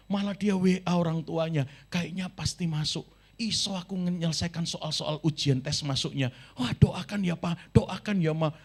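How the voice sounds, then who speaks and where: Animated pastor with gravelly voice. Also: male voice, on the high side. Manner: animated storytelling, swings loud and soft, acts out voices. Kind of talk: sermon. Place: church service.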